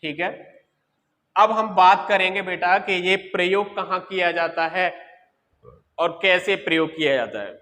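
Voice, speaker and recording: A man's voice: high-pitched, a little slow, long pauses, bright, forceful tone. A man teaching Hindi grammar in a lecture, fatherly and coaxing, addressing students as children and using homely everyday examples. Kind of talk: classroom lecture. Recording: reverberant room.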